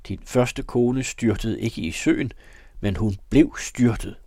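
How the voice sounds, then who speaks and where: A man's voice: medium pitch, mellow, dry recording, pitched above the performer's own voice, natural voice. A desperate young wife from a classic storybook, lifted well above the man reading her's own voice. She pleads and accuses with mounting passion. The sound is close and dry. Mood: accusing. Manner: impassioned, pleading.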